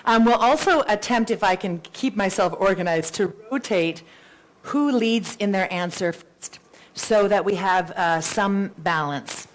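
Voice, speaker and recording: Moderating a live debate between candidates, a Canadian woman chats freely, tossing in playful jokes at her own expense and remarking that her voice is really big. She speaks at a measured pace in a mid-range voice, and the recording is low quality.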